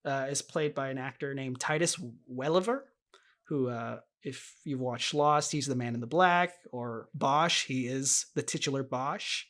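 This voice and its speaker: A man's voice: medium pitch, measured pace, a bit bright. A man co-hosting a podcast, explaining a show in casual chat and laughing often. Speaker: podcast co-host.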